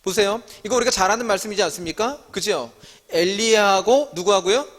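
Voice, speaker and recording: A man's voice: sits high, brisk, fairly bright tone. Korean man teaching in a reverberant church hall. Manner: asks the audience many questions and answers them himself. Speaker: staff teacher leading a Bible study. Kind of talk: interactive sermon teaching.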